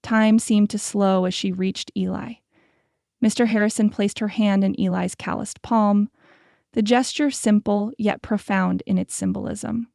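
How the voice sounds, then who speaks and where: Gravelly, warm woman narrating a romance audiobook. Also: mid-range voice, steady tone, dry recording, clean studio sound. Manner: measured, descriptive storytelling. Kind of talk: scripted narration.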